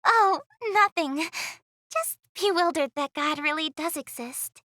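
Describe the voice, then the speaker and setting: A woman's voice: high voice, measured pace, bright, forceful tone, dry recording. An actress voicing a frightened young woman game heroine, anxious, breathless and easily startled. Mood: bewildered. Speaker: video game character. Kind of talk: game voice acting.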